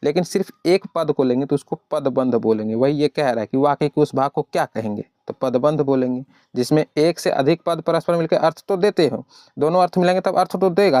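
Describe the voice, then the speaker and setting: A man's voice: on the high side, a little mellow, dry recording, studio quality. A male teacher running an online exam-prep class. He explains step by step, asks the students questions and answers them himself, and keeps calling the listener "brother". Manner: addresses the listener as "brother" over and over.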